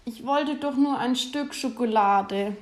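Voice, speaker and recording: A woman's voice: high-pitched, slow pace. A woman voicing a greedy, impatient young reindeer who craves chocolate, in an eager, whiny way. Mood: sad.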